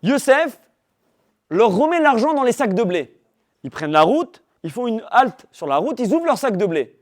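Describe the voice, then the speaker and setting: A man teaching a religious class to young people, animated, firing rhetorical questions at the room and teasing his listeners. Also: very high-pitched, moderate pace. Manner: teasing humor with the audience. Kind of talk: lively religious class talk.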